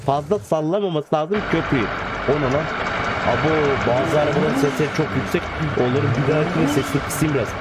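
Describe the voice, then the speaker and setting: A man casually commenting on a car crash game in playful, slangy banter, often shouting at the cars. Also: on the high side, background noise. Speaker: gaming channel host.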